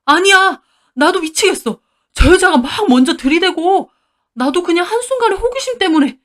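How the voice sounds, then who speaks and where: A man's voice: very high-pitched, animated, normal speed, fairly bright tone, pitched above the performer's own voice. A woman voicing a cheating husband who pleads and makes defensive excuses in a storytold drama. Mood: pleading.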